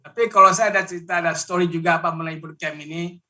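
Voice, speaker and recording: A man from Aceh, a guest on a talk show, telling a story in an animated way and acting out the lines he quotes. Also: a little high, fast talker.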